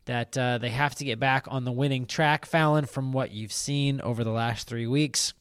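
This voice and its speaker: Dude hosting a sports podcast, casual, lots of likes and uhs, dry sound. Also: male voice, medium pitch, fairly even intonation, normal speed, fairly bright tone, smooth, no echo. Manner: conversational, laughs easily, filler words. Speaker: podcast host.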